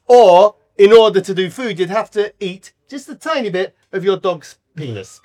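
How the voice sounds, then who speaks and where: A man's voice: high-pitched, moderate pace, darkish tone. A man co-hosting a podcast, rambling and giggly in casual party-game chat. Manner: rambling, giggly, stop-start. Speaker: podcast co-host.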